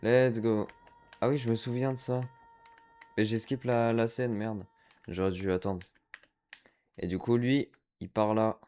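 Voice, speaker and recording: A man's voice: fairly low pitch, fairly even intonation, unhurried, pauses often, mellow. A man giving chatty let's-play commentary as a gaming streamer, reacting aloud to the game and dropping English slang.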